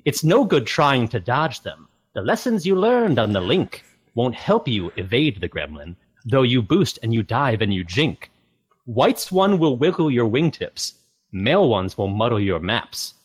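A man's voice: mid-range voice, sing-song, a little slow, slightly rough. A man voicing a pompous old-fashioned male air force officer, reciting verse in a put-on transatlantic accent with a theatrical sing-song delivery.

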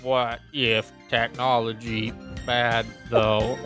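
A man doing a slow flat robot announcer voice. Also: medium pitch, over music, voice pushed down, close to an everyday voice. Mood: mock-serious. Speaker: podcast co-host. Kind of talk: casual podcast chat.

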